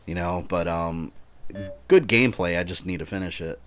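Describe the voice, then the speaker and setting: A deep-voiced man from Puerto Rico streams a game, chatting casually and swearing at a normal speed as he gives live gameplay commentary. Game music and gunfire play in the background.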